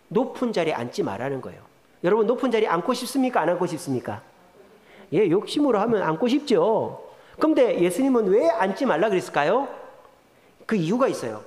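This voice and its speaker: A man's voice: high voice, big-room sound. A male pastor preaching a sermon, asking the congregation question after question. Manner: lively preaching with rhetorical questions. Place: church sanctuary.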